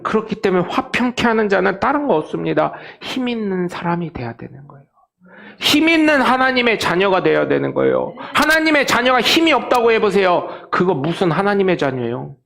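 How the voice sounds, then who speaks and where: A man delivers a Sunday sermon from a church pulpit, his voice pitched high with a gravelly, fry-edged grain. He preaches in a loose, joking storytelling way. He jumps between loud acted-out quotes and low, muttered asides. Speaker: pastor. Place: church sanctuary.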